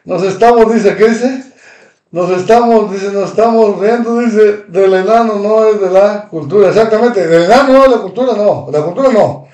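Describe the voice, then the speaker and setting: A Mexican man with a high voice, hosting a live stream and answering viewer comments. He rambles and repeats himself, slinging heated insults. He sounds set back from the mic in an echoey room. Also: moderate pace, a little mellow. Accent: Mexican Spanish. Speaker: livestream host. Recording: roomy echo, distant from mic.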